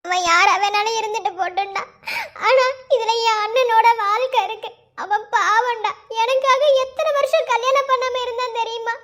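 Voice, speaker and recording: A scared young college girl in a cartoon love story, pleading and close to tears as she admits what she has been hiding, voiced by a woman. Her voice is very high. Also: moderate pace, bright, forceful tone. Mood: fearful. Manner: pleading, fearful and tearful. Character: frightened young female college student.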